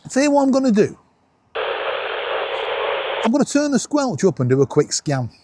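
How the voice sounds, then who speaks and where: A Northern English man hosts a vlog outdoors at night on a seafront promenade, chatting casually and joking at his own expense in an animated way. His voice is extremely high-pitched and at normal speed, picked up by a camera worn around his neck against a noisy background.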